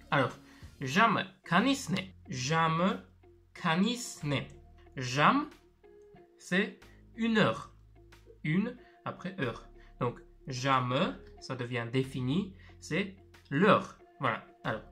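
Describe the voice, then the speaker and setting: A man's voice: mid-range voice, expressive, takes it slowly, pushed and bright, soft background music. A man teaching a video language lesson, explaining step by step and patiently repeating words for learners.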